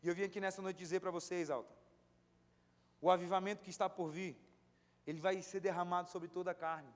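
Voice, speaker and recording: High-voiced Brazilian preacher in a reverberant hall. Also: male voice, steady tone, brisk. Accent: Brazilian Portuguese. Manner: impassioned, building to shouts. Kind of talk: sermon. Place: church hall. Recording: live church hall with reverb and keyboard music.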